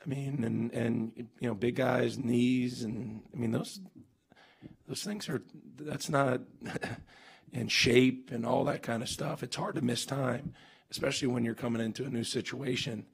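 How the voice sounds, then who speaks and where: A man in his forties, coaching basketball, faces reporters after a game from behind a table mic, his answers coming in emphatic, earnest bursts with restarts and fillers. His mid-range voice is steady, a little slow, creaky and a bit rough.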